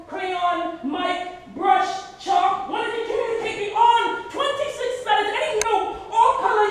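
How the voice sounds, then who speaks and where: A woman's voice: very high-pitched, a little hiss or hum. A woman with a Canadian accent performing spoken word poetry at a slam, with a rhythmic, emphatic delivery that surges in intensity. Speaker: slam poet. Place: art gallery with seated audience, indoors. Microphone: far camera at the back of the room. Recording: echoey gallery from far off.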